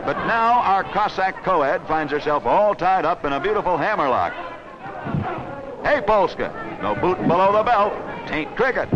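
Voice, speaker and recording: A crowd can be heard behind this high-voiced man, whose pitch swings broadly as he speaks at a moderate pace. He's reading scripted, slang-filled, theatrical wrestling commentary with wisecracks for a 1940s newsreel, preserved on a noisy, dull 16mm soundtrack.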